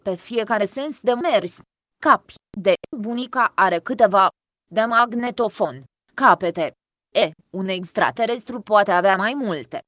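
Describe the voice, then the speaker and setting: A woman reading a grammar lesson from a school textbook aloud, in a measured, even way. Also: mid-range voice, dry recording, clean studio sound. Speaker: textbook reader.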